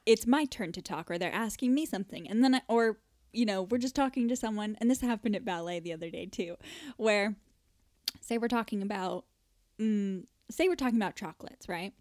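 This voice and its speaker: A woman's voice: mid-range voice, fairly quick, darkish tone, no echo, studio quality. A woman co-hosting a podcast in casual chat, talking in a chatty, self-deprecating way and laughing often. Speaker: podcast co-host.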